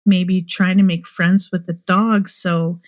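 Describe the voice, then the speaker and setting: A woman's voice: lowish voice, little pitch movement, slow pace. A woman hosting a true crime show, musing aloud and asking many rhetorical questions. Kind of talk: speculative true crime commentary.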